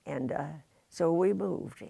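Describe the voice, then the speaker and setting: A very old woman, about a hundred, with a Midwestern American accent, reminisces haltingly in an interview, pausing often. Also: on the low side, gravelly, warm tone, husky, dry recording. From United States, rural Indiana. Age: very old, about 102. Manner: halting delivery with long pauses and many hesitations.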